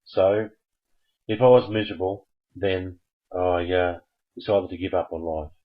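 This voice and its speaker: Husky man hosting a call-in stream. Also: sits low, fairly even intonation, unhurried, lo-fi sound. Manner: chatty, joking, coaxing viewers to call. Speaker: host of a live call-in show. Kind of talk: casual live-stream monologue and call-in chat.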